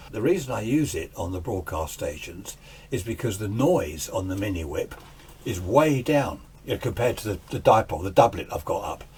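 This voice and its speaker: This British amateur radio enthusiast has a lowish voice with a breathy edge. He gives a rambling, conversational, off-the-cuff demo from his home radio room. Background noise and radio static fill the recording.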